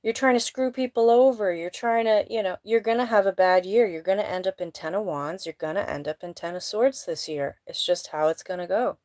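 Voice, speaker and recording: A woman's voice: mid-range voice, brisk, few pauses, a little mellow, dry recording. A woman giving a casual live tarot reading, blunt and emphatic, with a sniffly nose, indoors at home. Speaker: tarot reader.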